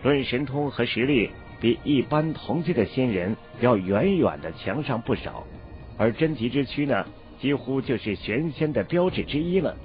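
Male audiobook narrator, steady storyteller, muffled recording. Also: mid-range voice, moderate pace. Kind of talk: scripted novel narration. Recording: dull lo-fi audio, faint background music.

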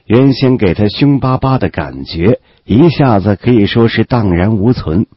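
Husky low-voiced male audiobook narrator. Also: normal speed, dull audio. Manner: expressive storytelling with lively pitch.

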